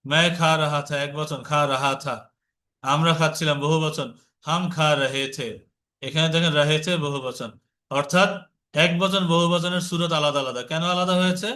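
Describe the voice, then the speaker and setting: A man's voice: fairly high pitch, fairly even intonation, moderate pace, bright, forceful tone. A man teaching Urdu grammar from slides, explaining in Bengali and patiently repeating drill phrases. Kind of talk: slide-based grammar lesson.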